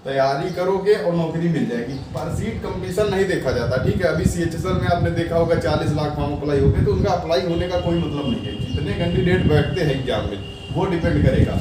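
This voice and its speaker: An exam-coaching YouTuber with a slightly high voice explains exam application numbers and competition to students. He reads figures out digit by digit, repeating them and reassuring his audience. The mic sounds distant and echoey, with loud noise.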